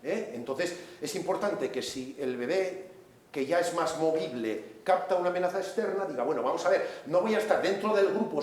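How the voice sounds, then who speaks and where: A man's voice: mid-range voice, a little mellow. A man giving a seminar lecture in a large hall. He explains step by step, often checks in with the audience, and briefly acts out the voices he quotes. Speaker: seminar speaker and author. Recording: very echoey hall recording.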